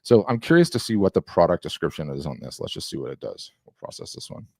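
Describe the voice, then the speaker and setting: Deep-voiced man demoing software. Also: big pitch swings, fast talker, no echo, studio quality. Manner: enthusiastic, rambling with restarts. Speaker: software demo host. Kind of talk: casual screen-share demo.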